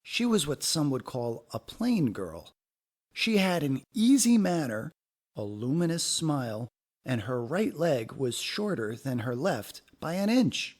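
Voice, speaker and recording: This man's mid-range voice carries a children's picture book as he reads it aloud. His storytelling is expressive and unhurried.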